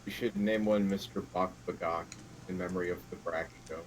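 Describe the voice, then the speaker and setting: A man's voice: low-pitched, fairly even intonation, brisk, noisy background. A man chatting casually on a gaming stream, rambling enthusiastically about old shows. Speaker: co-host friend. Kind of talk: casual chat while gaming.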